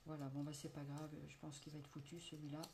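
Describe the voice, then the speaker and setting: A woman's voice: deep voice, monotone, quick pace. A French woman casually showing craft supplies on a table, talking through each step with many fillers. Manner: chatty, many fillers and "voilà", narrating her hands. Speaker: crafts vlogger. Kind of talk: casual show-and-tell unboxing. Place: indoors at a table, not her home. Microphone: phone camera. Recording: loud crinkling and clicking noise.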